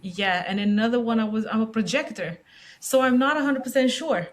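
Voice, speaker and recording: A woman's voice: a little high, a little fast. A woman from Romania hosting a podcast over a video call, chatting casually and laughing often. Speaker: podcast host.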